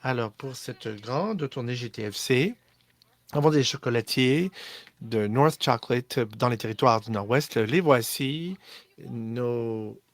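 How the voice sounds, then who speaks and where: A man's voice: medium pitch, slow pace, no echo. A man hosting a live online class, upbeat and welcoming, with hesitant restarts. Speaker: host.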